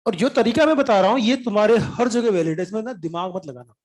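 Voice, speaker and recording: Teaching physics informally, a man talks fast in a high-pitched, slightly mellow voice with lively intonation. He uses English terms, clears his throat at times, and coaxes the class by checking they understood.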